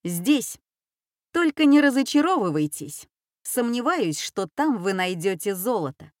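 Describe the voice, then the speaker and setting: A woman voicing a calm, sullen boy in glasses who speaks quietly. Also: a little high, a little slow, dry recording, studio quality, pitched above the performer's own voice. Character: calm bespectacled schoolboy, gloomy and level-headed. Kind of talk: audiobook character voice.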